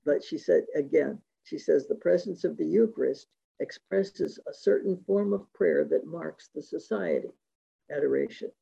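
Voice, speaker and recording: A man giving a reflective talk on religious devotion, measured and reading quotations aloud, in a dull lo-fi recording. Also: a little high, gravelly, warm tone, slightly rough. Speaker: speaker giving a talk on Eucharistic spirituality.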